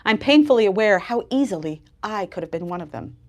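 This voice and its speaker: An American woman author talks about her novel at a live bookstore event, mixing an expressive literary reading with book talk. Her mid-range voice has lively intonation and moves a little fast, and her delivery is dramatic and emphatic.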